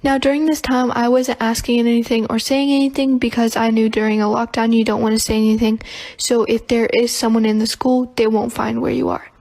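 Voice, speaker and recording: Young woman, matter-of-fact storytime, slightly high voice. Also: a little mellow, poor audio. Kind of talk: casual storytime.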